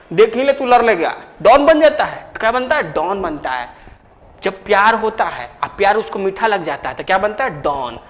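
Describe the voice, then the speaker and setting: A man teaching an exam lesson with memory tricks, chatty and jokey in a colloquial way. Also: high-pitched. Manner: chatty, jokey, colloquial, rises loud when excited. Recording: echoey room with long reverb.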